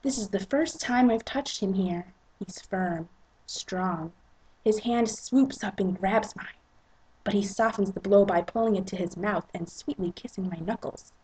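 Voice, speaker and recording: A woman narrating a romance novel as a dramatic reading, with a husky, breathy voice. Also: mid-range voice, a little slow, darkish tone, slight background noise, rough recording. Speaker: reader and narrator.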